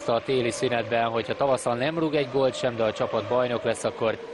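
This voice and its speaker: Man commentating over clear background noise. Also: mid-range voice, steady tone. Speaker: football commentator. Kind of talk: live match commentary.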